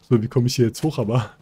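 Casting: Let's-Player, Mann, locker und verspielt, redet mit Spielfiguren. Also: male voice, mid-range voice, warm tone, breathy edge. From German-speaking country. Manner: chatty and joking, talks to game characters. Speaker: let's play host. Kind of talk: casual gameplay commentary.

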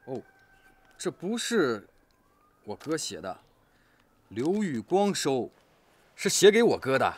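An actor playing a gentle young man talking quietly with his mother. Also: mid-range voice, big pitch swings, slow pace, long pauses. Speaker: son. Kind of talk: TV drama acting.

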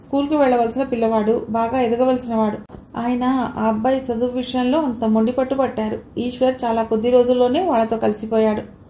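A woman narrating an audio novel in calm, steady scripted storytelling. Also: fairly high pitch, brisk. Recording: roomy echo, faint background hiss.

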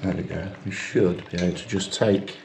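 A man's voice: low voice, fairly even intonation, normal speed, vocal fry. Plumber guy talking thru a job in a living room, body cam, noisy audio. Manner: chatty, self-mocking, explains as he works. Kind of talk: work vlog narration. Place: living room in a house, indoors.

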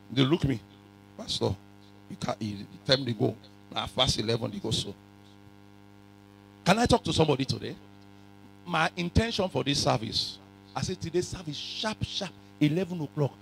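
A man with a West African accent preaching a sermon in a raspy voice, forcefully repeating phrases and questioning his congregation, sometimes in pidgin. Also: on the high side, expressive, normal speed, pauses often, a little hiss or hum, poor audio. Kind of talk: animated sermon, code-switching into pidgin. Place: church hall full of congregation.

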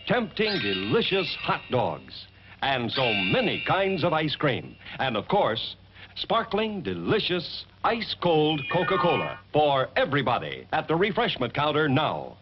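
A man's voice: fairly high pitch, huge pitch swings, a little slow. A man announcing a 1950s refreshment-stand commercial with an upbeat, emphatic sales delivery. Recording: dull lo-fi old film soundtrack. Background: loud band music.

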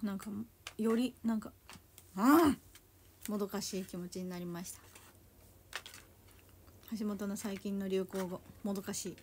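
A woman's voice: medium pitch, little pitch movement, moderate pace, pauses often, dark tone, a little hiss or hum. A woman in her twenties from Japan, chatting casually to viewers on a livestream and teasing them in a playfully pouty way. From Toyama, Japan. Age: 20s. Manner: chatty and playfully pouty, calls herself by a nickname. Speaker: idol livestreamer.

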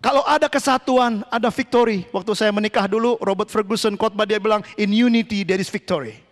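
A man preaching a sermon as pastor, with sudden shouted lines and English phrases mixed in. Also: high voice, a little fast. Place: church hall. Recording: long church hall reverb.

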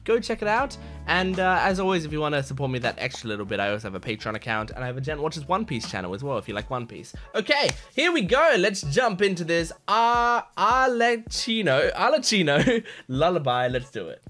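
Sitting close to a desk boom microphone at his bedroom computer desk, a twenties-aged YouTube reaction host talks fast with few pauses in a fairly high, slightly bright, very animated voice. He gushes, swears and chats excitedly while game trailer music plays.

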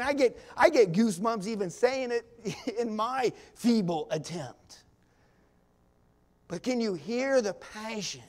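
A man preaches slowly to his congregation in a slightly high voice, taking long pauses. He sinks to hushed near-whispers, then swells to loud, fervent climaxes. Folksy asides and small laughs lighten his delivery. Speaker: pastor. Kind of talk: sermon. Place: church sanctuary.

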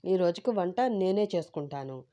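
A woman's voice: fairly low pitch, expressive, normal speed, dark tone, natural voice. A woman voicing a middle-aged mother-in-law who fusses over her daughter-in-law in a storybook narration. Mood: coaxing. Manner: fussy and fondly protective.

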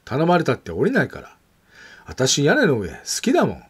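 A man's voice: a little high, wildly swooping pitch, fairly quick, breathy edge, exaggerated voice. A man voicing a stubborn, defiant little girl as he reads a picture book aloud, with a pouting, insistent manner.

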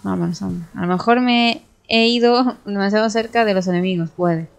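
A young woman with a Spain Spanish accent commentating her own gameplay, excitable, swearing and talking to herself as she plays. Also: medium pitch, normal speed, vocal fry, smooth. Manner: excitable, swears and talks to herself while playing. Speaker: gaming streamer.

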